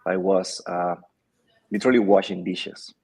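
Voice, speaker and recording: Guy on a video call, lowish voice, thinks out loud with lots of ums. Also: steady tone, measured pace, vocal fry, breathy edge, low-quality recording. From Chile. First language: Spanish. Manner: thoughtful, hesitant with many fillers. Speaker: guest, company founder. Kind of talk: casual interview answers.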